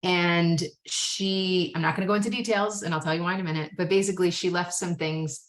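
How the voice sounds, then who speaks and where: A married woman speaking at a recovery meeting, sharing her story candidly with animated asides. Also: fairly low pitch, brisk. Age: adult, married with kids.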